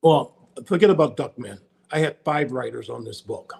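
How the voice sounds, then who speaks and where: An older American man appears as a podcast guest in a casual interview chat, rambling loosely and frequently repeating and restarting his words. His voice sits at medium pitch with a gravelly, darkish tone, lively intonation and a moderate pace.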